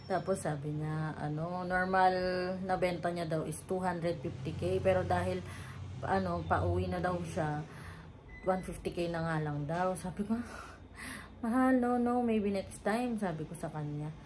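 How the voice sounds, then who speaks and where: A woman's voice: lowish voice, little pitch movement, moderate pace, a little mellow. Young filipina travel vlogger, chatty and giggly, switches into english a lot, bit of noise behind. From Philippines. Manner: chatty, laughs often, mixes English in. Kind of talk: casual vlog storytelling.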